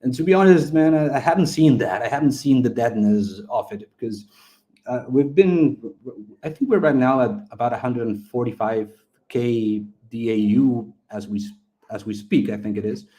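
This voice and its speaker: A Spanish-speaking man from Chile, founder of a game studio, is a casual interview guest. He speaks at a normal pace in a mid-range, dark-toned voice, frequently repeating words as he explains.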